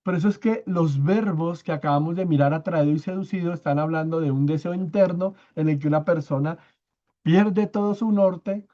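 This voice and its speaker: A man teaching a church Bible study, explaining step by step, often checking in with his listeners and repeating key words slowly for emphasis. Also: a little high, mellow, dull audio. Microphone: own microphone.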